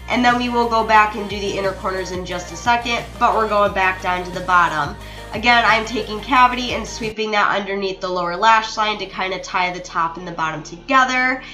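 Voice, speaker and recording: A woman's voice: mid-range voice, normal speed. A young woman narrating a makeup tutorial in a chatty, apologetic way, talking straight to her viewers. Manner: chatty, apologetic, addresses viewers as you guys. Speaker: beauty vlogger. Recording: roomy echo with soft music behind.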